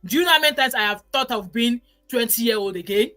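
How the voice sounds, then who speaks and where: Nigerian woman in her forties, live-stream host, quick emphatic chat, bright forceful voice. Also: a little high, faint music behind. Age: 40s. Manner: chatty, emphatic, drops in pidgin words. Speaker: live-stream host reading viewer comments. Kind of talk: casual live-stream commentary.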